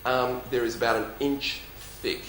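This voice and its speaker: Presenting at a public talk and then taking questions, this executive speaks with a slight lisp in a medium, fairly bright voice. His tone is steady and unhurried yet emphatic, with dry humor. Around him is a roomy echo and faint background noise.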